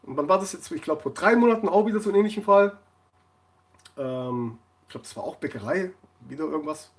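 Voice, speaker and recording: A man's voice: on the high side, animated, a little fast. A man chatting casually on a live stream, rambling through anecdotes and laughing often.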